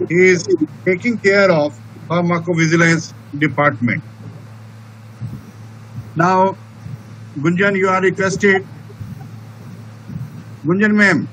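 A man with an Indian accent giving a formal introduction as a university dean, in halting, broken phrases. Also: sits high, a bit bright, poor audio. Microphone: video call. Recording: video call, faint background noise.

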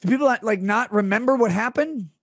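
A man's voice: very high voice, brisk, soft background music. A man in his thirties hosting a live stream, ranting comedically and sarcastically on a close studio mic. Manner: sarcastic, rambling, jumps between voices. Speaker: streamer host. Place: small home studio room, indoors. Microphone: close studio mic on stand.

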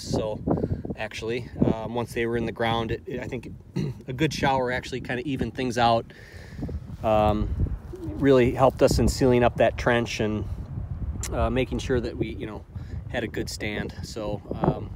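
A man farmer hosting a ride-along, walking through his field and explaining the work in a relaxed way, with many ums and restarts. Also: mid-range voice. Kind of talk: casual walkthrough narration. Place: outdoors in a farm field. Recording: loud outdoor ambience with vehicle noise.

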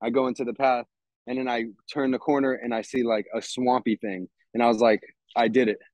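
A man's voice: medium pitch, flat delivery, brisk, darkish tone, no room sound. A man from Texas chatting casually, rambling and swearing freely while describing events he organizes. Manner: rambling, laid-back, swears a lot. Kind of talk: casual chat.

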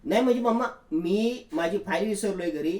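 A man playing a flustered young husband, raised in pitch and full of anxious questions. A roomy echo hangs around the voice. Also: expressive, normal speed, a little mellow. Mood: puzzled, anxious.

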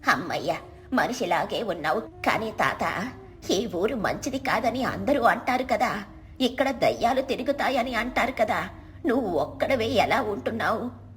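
A woman's voice: fairly high pitch, lively intonation, unhurried, faint music behind. Woman doing a jumpy old village woman. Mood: anxious. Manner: anxious, exclaiming. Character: frightened old village woman, fussy and talkative.

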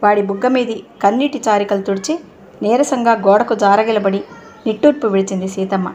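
A woman narrating a novel aloud in a steady storytelling reading. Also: mid-range voice, brisk, slight background noise. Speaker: audiobook narrator.

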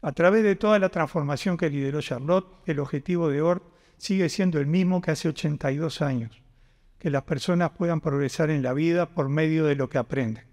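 Measured older man at an auditorium podium. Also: a little high, darkish tone. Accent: Uruguayan Spanish. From Uruguay. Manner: measured, deliberate reading from notes. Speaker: university vice-rector. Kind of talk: formal ceremony speech. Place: large concert auditorium stage. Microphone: podium microphone. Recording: long hall reverb.

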